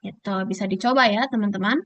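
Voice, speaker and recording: A woman with an Indonesian accent teaching an online English class, mixing English with Indonesian and slowly repeating words to model their pronunciation. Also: medium pitch, fairly bright tone, dry recording.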